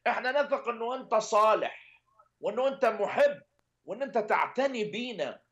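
High-voiced man in earnest prayer. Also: expressive, moderate pace, fairly bright tone, muffled recording. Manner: earnest, pleading, repetitive petitions. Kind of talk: intercessory prayer.

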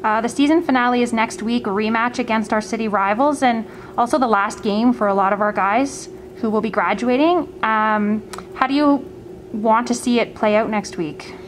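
A woman interviewing a football coach, asking her questions in a polite, measured way. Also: a little high, a little hiss or hum.

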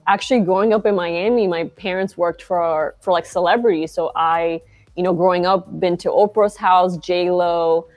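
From inside a bright shop, a young woman from Argentina takes part in a casual interview over video call as a founder guest. She uses many fillers, speaking at normal speed in a lowish voice with fairly even intonation.

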